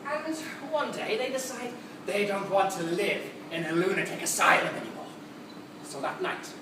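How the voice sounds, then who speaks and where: Manic theatrical Joker, distant and echoey. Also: male voice, high-pitched. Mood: sly storytelling. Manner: theatrical, mocking, dragging out words for emphasis. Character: manic, theatrical male supervillain clown gone mad. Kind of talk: dramatic stage monologue. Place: large cinema auditorium. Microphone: distant recorder in the room. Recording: echoey, noisy hall recorded from far off.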